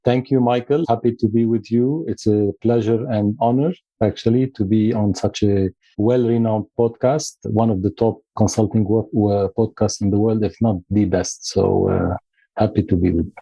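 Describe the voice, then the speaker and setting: A man from Lebanon, a podcast guest, telling his career story in a measured way with occasional restarts. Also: on the low side, fairly even intonation, gravelly, dark tone, husky, dry recording, lo-fi sound. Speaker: guest, consulting firm founder. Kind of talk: podcast interview.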